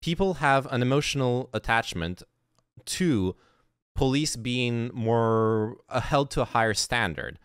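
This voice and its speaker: A man delivering reaction commentary, sarcastic and exasperated, with frequent swearing. His voice is smooth and resonant. The sound is dry and close. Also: mid-range voice, unhurried, no echo. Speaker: commentary streamer reacting to a podcast clip.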